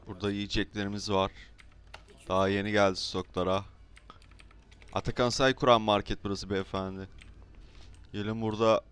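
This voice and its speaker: A gaming YouTuber trolls in an online roleplay game, bantering casually and flipping between mock politeness and slang. His voice is fairly low-pitched, fairly bright, clear and resonant.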